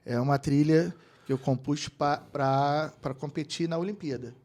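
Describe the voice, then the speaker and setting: A middle-aged Brazilian man, a keyboardist and music producer guesting on a casual interview, tells lively anecdotes with quoted voices and laughter. He speaks at a moderate pace in a slightly high voice.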